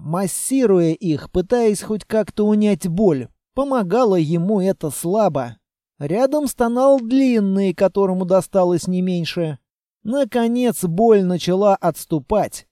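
A man narrating an audiobook in a measured, steady reading. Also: sits high, dry recording, clean studio sound. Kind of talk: scripted narration.

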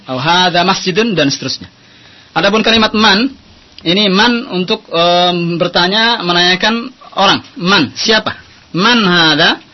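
A man's voice: high voice, a little slow. Man teaching Arabic drills on lo-fi radio. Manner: patient, drilling phrases and quizzing listeners. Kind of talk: radio Arabic lesson, call-and-repeat drills. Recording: dull lo-fi AM radio audio.

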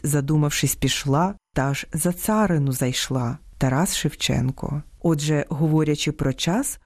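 Woman on the radio talking about word stress, careful clear reading, bouncy intonation, dry studio. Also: deep voice, no echo. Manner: clear, careful stress on words, lively read-aloud quotes. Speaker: radio host. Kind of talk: scripted radio talk on language.

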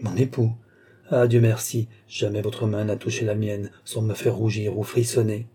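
A man's voice: on the low side, little pitch movement, moderate pace, mellow, slight background noise, natural voice. A man reading an audiobook and voicing a fierce young Roman woman held captive, who speaks in passionate, defiant, pleading bursts. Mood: indignant.

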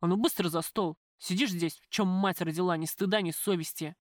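A woman voicing a domineering middle-aged father in an audiobook, gruff and commanding as she scolds his son. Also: fairly low pitch, fairly quick, no echo, studio quality, natural voice. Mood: scolding.

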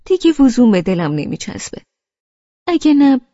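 A woman reading an audiobook, voicing a fussy, grumbling old grandmother who softens quickly. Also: on the low side, highs cut off. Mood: conciliatory. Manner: grumbling, complaining.

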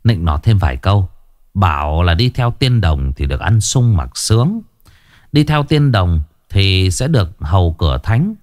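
Male storyteller, low voice with lively pitch, dry close recording. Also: normal speed, no room sound. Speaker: narrator. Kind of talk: scripted ghost story narration.

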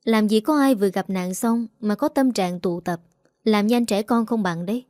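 A woman's voice: medium pitch, normal speed, darkish tone, dry recording, studio quality, close to an everyday voice. A woman voicing a firm, protective young man who talks persuasively. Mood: firm urging.

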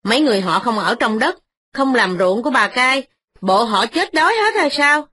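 A woman's voice: a little high, expressive, normal speed, pushed and bright, slightly rough, no echo, full character voice. A woman voicing an indignant poor peasant wife who scolds in bursts.

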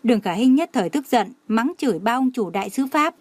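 A woman's voice: fairly high pitch, animated, fairly quick, darkish tone, no room sound. A woman voicing an anxious young female assistant in an audio novel, urgent and worried.

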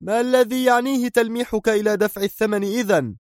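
A man's voice: on the high side, expressive, a little fast, darkish tone, no echo, clean studio sound, pitched above the performer's own voice, lightly acted. A man voicing a stern, easily angered male security director in an audiobook, speaking in a strained, raised voice. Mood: indignant.

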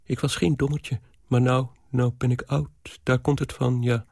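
A man reading aloud and voicing an old peasant nursemaid who dotes on her young charge, with quick, fretful chatter. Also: mid-range voice, little pitch movement, creaky, darkish tone, no echo, studio quality. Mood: doting, fussing.

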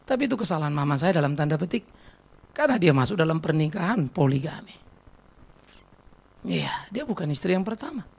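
Gravelly-voiced male pastor preaching, gets loud then drops low and quiet, storytelling sermon style. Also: big pitch swings, a little fast, long pauses. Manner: dramatic, swings from loud exclamations to quiet reflection; storytelling with personal confession.

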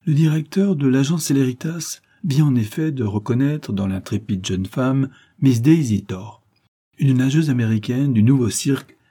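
A man narrating a classic novel aloud in an expressive, theatrical storytelling manner. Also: medium pitch, husky. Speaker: audiobook reader.

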